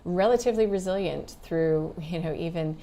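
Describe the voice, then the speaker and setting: A woman's voice: on the low side, warm tone. Chatty woman co-hosting a market wrap. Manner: chatty, quick asides, light laughs. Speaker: co-host of a markets show. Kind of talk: live market wrap commentary.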